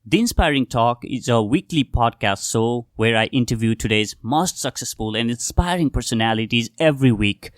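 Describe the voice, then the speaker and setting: A man's voice: medium pitch, animated, moderate pace, hardly any pauses, no room sound, studio quality. A young man from Nepal, hosting his podcast in an earnest, scripted monologue that talks straight to the listeners. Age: young adult. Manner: earnest, addresses listeners directly as "guys". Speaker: podcast host.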